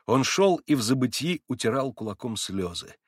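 Guy reading an old novel, steady and expressive, dry close sound. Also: mid-range voice, husky, dry recording. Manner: measured, expressive storytelling. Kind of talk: audiobook narration of a classic novel.

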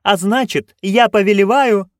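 A man voicing a haughty, scornful duchess in an audiobook, high, sharp and commanding. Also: measured pace, no room sound, clean studio sound. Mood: imperious. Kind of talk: audiobook reading.

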